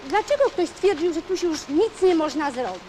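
A woman's voice: very high-pitched, animated, brisk, mellow. A woman factory worker speaking off the cuff in an interview, emphatic and indignant. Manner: emphatic, indignant rhetorical questioning. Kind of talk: unscripted newsreel interview. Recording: noisy factory location sound.

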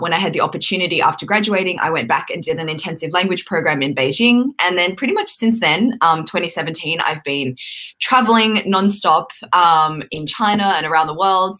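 A twentysomething Australian woman with a fairly low, slightly bright voice chats and laughs on a video call from a room at home, dropping plenty of ums. She's a YouTuber co-hosting a live stream, and her webcam picks up the casual conversation.

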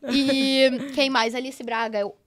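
A woman's voice: sits high, fairly even intonation, unhurried, a loud crowd. A young woman with a Brazilian Portuguese accent, a podcast guest telling stories in a bubbly, gushing way. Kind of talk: casual podcast chat.

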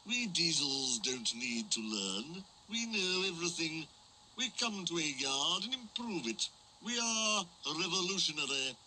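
A man's voice: a little high, expressive, a little slow, bright, forceful tone, slight background noise, pitched above the performer's own voice, heavily acted, low-quality recording. A man voicing Diesel, a smug, boastful male engine with an oily, purring manner.

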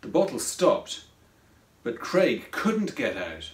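Man slowly reading a children's story. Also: mid-range voice. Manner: slow, expressive read-aloud. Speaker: author reading his own story. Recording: roomy echo from a distance.

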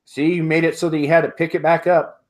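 Speaking at a quick pace, a middle-aged auctioneer calls out bids in a steady, repetitive way during a live online auction held in a home room with sports memorabilia. His voice runs a little high for a man, he laughs a lot between calls, and the sound travels through an earbud headset on a video call.

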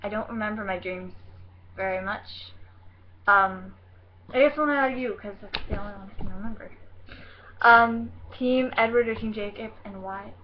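A teenage girl vlogs into her computer's webcam mic from her bedroom, giggly and rambling, hyper and scattered as she answers questions. Her voice is medium-pitched and her pace moderate. The audio is dull, with a slight hiss or hum.

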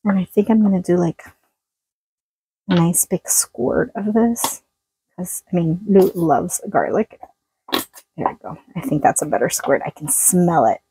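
A cooking vlogger chats casually to camera while working in a small trailer kitchen, laughing often. Her voice is lowish and dark, with a measured pace and frequent pauses. The audio is poor, with slight background noise, captured by a phone-plugged mic near the counter.

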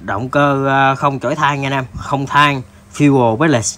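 A man with a southern Vietnamese accent presents goods in a casual, stop-and-start sales pitch. His voice sits at a medium pitch and he talks informally, as if to buddies. The recording is clearly noisy, with clicks and tool sounds. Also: fairly even intonation. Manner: informal, halting pitch addressing viewers as buddies. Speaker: tool seller presenting products. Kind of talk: casual sales demo, unboxing tools.

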